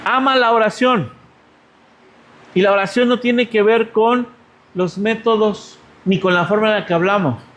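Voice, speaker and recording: A man's voice: high-pitched, steady tone, a little slow, a bit bright, highs cut off, a little hiss or hum. A Mexican male pastor giving a conversational sermon, asking the congregation rhetorical questions. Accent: Mexican Spanish.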